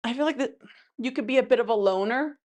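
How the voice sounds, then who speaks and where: A woman's voice: a little high, fast talker, darkish tone. Chatty woman doing a tarot reading. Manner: chatty, rambling, with frequent asides and fillers. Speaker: tarot reader.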